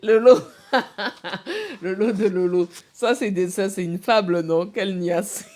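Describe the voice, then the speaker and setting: A woman's voice: medium pitch, fairly even intonation, measured pace, darkish tone. A woman hosting a live stream, teasing, laughing often and asking her viewers questions. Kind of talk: mocking live commentary.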